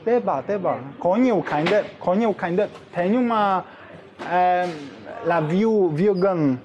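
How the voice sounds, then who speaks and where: A man with a foreign accent chatting casually in halting, broken Vietnamese, searching for and repeating words. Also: sits high, lo-fi sound, background noise. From outside Vietnam, a foreigner. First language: not Vietnamese. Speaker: vlogger. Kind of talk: casual chat with strangers. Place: inside a restaurant. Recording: busy eatery chatter around the voice. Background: crowd chatter.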